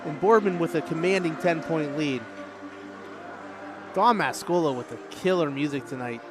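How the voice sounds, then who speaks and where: Chatty man calling high school hoops. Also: normal speed. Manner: chatty, jokey, laughs between calls. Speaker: play-by-play announcer. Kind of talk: high school basketball commentary. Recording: noisy gym broadcast.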